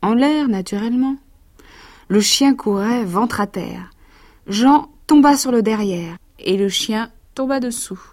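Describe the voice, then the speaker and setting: An actress reading rhymed children's stories aloud with lively rhythm, and recalling them more quietly between readings. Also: female voice, a little high, measured pace.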